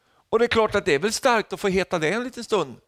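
Lively, joking preacher man. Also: high-pitched, dry recording, studio quality. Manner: lively, humorous preaching with frequent "va?" tags; rises to loud calls when quoting Jesus. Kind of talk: sermon.

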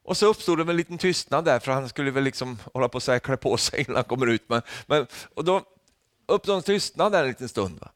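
A man preaching a sermon, lively and humorous, often tagging lines with a questioning "va?", and rising to loud calls when he quotes. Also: medium pitch, dry recording, clean studio sound. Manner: rises to loud calls when quoting Jesus.

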